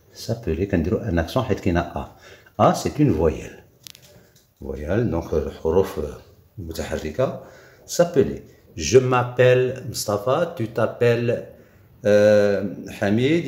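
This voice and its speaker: A man with a Moroccan accent teaching a grammar lesson, drilling forms slowly with many repetitions and fillers. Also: lowish voice, darkish tone. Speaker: French teacher. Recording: echoey room.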